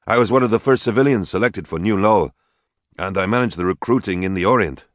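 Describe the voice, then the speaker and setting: A man voicing a calm, formal historian. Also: on the low side, dry recording, studio quality, voice pushed up, lightly acted. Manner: measured, precise, jargon-heavy.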